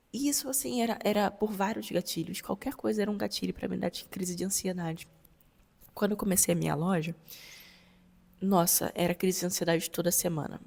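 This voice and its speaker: Young Brazilian woman, heartfelt testimony, creaky voice, reverberant room. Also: medium pitch, darkish tone. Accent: Brazilian Portuguese. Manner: emotional, repetitive, addresses viewers directly. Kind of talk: spontaneous personal testimony.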